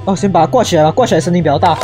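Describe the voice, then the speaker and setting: A young woman giving excitable, shrieking let's play commentary, peppered with English exclamations. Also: on the low side, very fast, music in the background. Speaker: gaming YouTuber.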